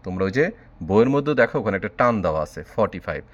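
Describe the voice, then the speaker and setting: A man's voice: lowish voice, expressive, rapid-fire, muffled recording. A man from Bangladesh teaching a math lesson online, patiently spelling out number words letter by letter.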